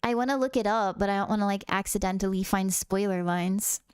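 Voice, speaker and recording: A woman's voice: medium pitch, fairly quick, darkish tone, clean tone, no echo, clean studio sound. A woman streaming a game, chatting in a bubbly, casual way with frequent swearing. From United States. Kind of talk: casual gaming stream chat.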